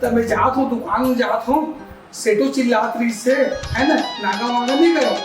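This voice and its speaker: A man's voice: extremely high pitch, normal speed, over music. A man playing an exasperated village shop servant in a comedy skit, grumbling and repeating himself in a Chhattisgarhi accent. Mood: explaining. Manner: grumbling, repetitive, dismissive. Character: exasperated male village shop servant minding credit accounts.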